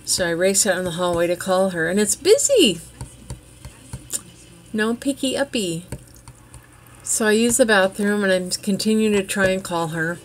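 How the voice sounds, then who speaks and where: A woman's voice: medium pitch, normal speed. A woman telling a personal story to her own camera in a frank, rambling, venting way. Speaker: vlogger. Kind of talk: candid personal vlog. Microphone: camera she adjusts herself.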